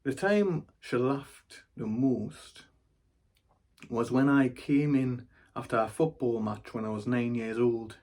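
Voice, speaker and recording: A man delivering a theatrical monologue at a middling pitch. His storytelling is wry and dry, and he lets the comic details land deadpan. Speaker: actor.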